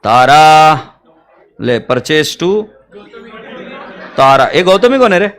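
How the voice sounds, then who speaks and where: A man's voice: fairly high pitch, very animated, extremely slow, fairly bright tone, a faint crowd. A man teaching accounts in a joking, teasing lecture, humming little sound effects as he works. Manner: teasing, playful, hums sound effects while working.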